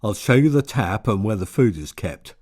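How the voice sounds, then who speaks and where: A man's voice: on the low side, animated, moderate pace, a little mellow, no echo, clean studio sound. A man voicing a rude, blunt middle-aged laborer in an audiobook. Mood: gruff. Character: gruff, rude middle-aged male plantation worker.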